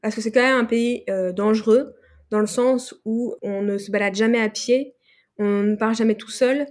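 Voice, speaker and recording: A woman's voice: fairly high pitch, steady tone, normal speed, darkish tone. Rambling young Frenchwoman telling travel stories. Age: young adult. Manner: rambling, many fillers and restarts. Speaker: guest. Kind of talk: casual interview chat.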